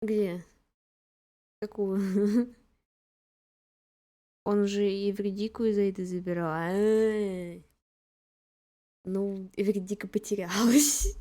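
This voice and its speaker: A woman's voice: mid-range voice, fairly even intonation, slow, long pauses, warm tone. A woman casually commenting on a game live for her chat, in the gushing, giggly manner of a fan. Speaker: game streamer.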